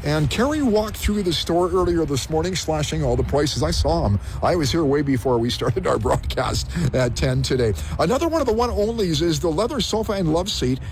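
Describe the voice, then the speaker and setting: A male radio host delivers a live promotional report from location. His voice sits slightly high, with faint noise around him. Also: lively intonation, a little fast, hardly any pauses, a little mellow. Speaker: radio host on a remote broadcast. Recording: noisy on-location broadcast.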